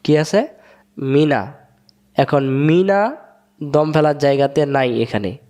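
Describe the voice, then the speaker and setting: A man's voice: medium pitch, a little slow, a little mellow. A man teaching a Quran recitation lesson with a Bangladeshi Bengali accent, repeating each rule patiently and asking then answering his own questions while he writes for the camera. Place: room, writing on a board in front of a camera.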